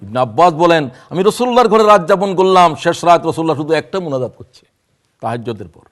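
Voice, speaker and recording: A man in his sixties preaching a sermon, reciting prayers and quoting verse in a drawn-out voice that swings between loud and hushed. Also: on the high side, expressive. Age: 60s. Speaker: Islamic preacher.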